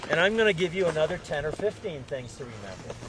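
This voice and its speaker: Male ski instructor, slightly high voice, folksy and jokey, projecting to a group; clear outdoor noise behind. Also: big pitch swings, quick pace. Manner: folksy, joking. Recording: outdoor ambient noise, shifting distance.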